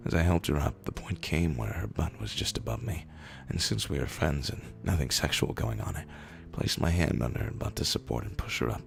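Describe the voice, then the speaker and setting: A narrator reads internet posts aloud as short stories in a slow, low, dramatic way, drawing out words and pausing often. His voice is raspy, rumbly and full of gravelly fry, hoarse from days of screaming, yet his intonation stays lively.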